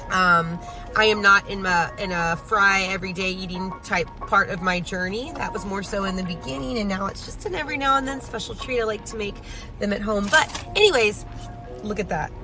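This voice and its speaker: A woman's voice: medium pitch, moderate pace, music in the background, rough recording. A woman vlogging casually from her car at a drive-thru, talking in a chatty, upbeat way with plenty of fillers. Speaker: vegan food vlogger and mom. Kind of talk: casual vlog chat.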